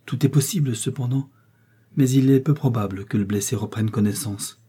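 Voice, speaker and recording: A man voicing a grave, compassionate country doctor in a storybook reading, speaking in a measured, gentle way. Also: mid-range voice, slightly rough, lightly acted.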